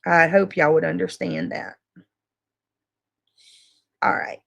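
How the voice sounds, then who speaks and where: A livestreamer chats off the cuff to the people following her stream and to her moderators, swearing coarsely and sounding casual yet defensive, emphatic and exasperated. She has a fairly low, gravelly voice with a level tone and an unhurried pace. The audio is dull, with no room sound.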